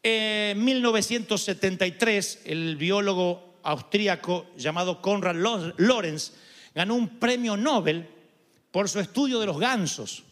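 A man with an Argentine Spanish accent preaching a sermon as pastor, animated and playful, imitating voices and honking sounds to make his point. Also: high voice, measured pace. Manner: animated, imitates voices and goose honks for humor. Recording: long hall reverb.

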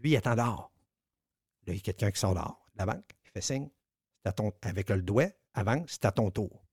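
A lowish male voice with a Quebec French accent, spinning a story in casual radio chat. He's animated, swears freely and acts out every bit of dialogue. The studio sound is dry and close. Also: a little fast, breathy edge, no echo. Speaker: radio show regular telling a story.

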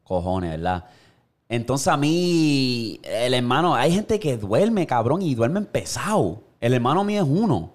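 A man hosting a podcast in profane, excitable banter. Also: medium pitch, measured pace. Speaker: podcast host. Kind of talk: casual chat.

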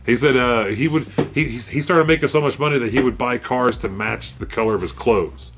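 A man's voice: medium pitch, fairly quick, a bit bright. A man co-hosting a casual podcast, telling rambling, profane stories with lots of restarts. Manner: rambling storyteller, curses a lot, restarts often. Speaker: podcast co-host. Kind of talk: casual chat.

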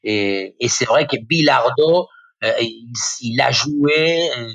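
A man's voice: medium pitch, slow pace, fairly bright tone, no room sound. A man in his fifties with an Argentine accent, a native Spanish speaker, talks football as a guest pundit. He hesitates often, restarting phrases and filling gaps as he searches for words. The recording is dull and lo-fi, with a dry, close sound. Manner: hesitant, many fillers and restarts. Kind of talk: radio football talk.

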